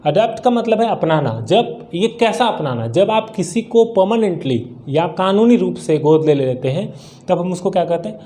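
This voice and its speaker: A man's voice: high voice, lively intonation, moderate pace, dark tone. A man teaching a spoken English lesson, repeating each word in drills and answering his own questions.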